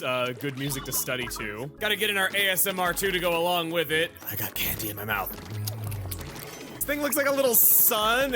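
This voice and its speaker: A man commentating a video game, excitable, swinging from mumbled asides to loud shouts. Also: high voice. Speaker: let's play commentator. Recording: game music behind the voice. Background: game music.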